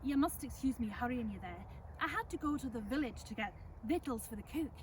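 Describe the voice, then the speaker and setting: A woman's voice: fairly high pitch, expressive, brisk, a little mellow, far from the mic, a little hiss or hum, lightly acted. A woman playing a chatty, folksy servant of centuries past, telling visitors a tale in an Ulster Scots accent. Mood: chatty, welcoming. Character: chatty, welcoming servant woman of a 17th-century Irish estate. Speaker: costumed storyteller. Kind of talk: in-character historical storytelling to visitors. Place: outdoors in front of a house.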